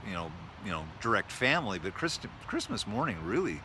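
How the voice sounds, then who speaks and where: A man's voice: on the low side, very animated, a little fast, background noise. Joking man chatting outdoors. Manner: joking, folksy, repeats words. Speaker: co-host, marriage coach. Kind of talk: casual outdoor chat with spouse. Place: outdoors, rain starting.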